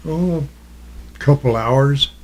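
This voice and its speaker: An elderly man, a war veteran, remembering his service in an interview, halting as he recalls and answering in short, plain phrases. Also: mid-range voice, poor audio. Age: elderly, 80s or older. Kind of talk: reminiscing in an oral history interview.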